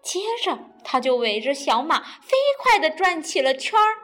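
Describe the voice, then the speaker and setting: A woman reads a children's picture book aloud in a playful, animated way. Her voice is high and moves all over the place, and she takes her time with each line. Soft music plays faintly behind her. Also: moderate pace. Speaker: storyteller. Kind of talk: children's storybook reading.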